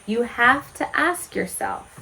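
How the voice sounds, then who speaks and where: A woman's voice: on the high side, sing-song, slow pace, gravelly, sharp tone, a little hiss or hum, rough recording. A woman of about forty, a homesteading vlogger, talking earnestly to camera and posing rhetorical questions about her lifestyle. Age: 40s. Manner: earnest, candid, asks many rhetorical questions. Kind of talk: reflective direct-to-camera talk.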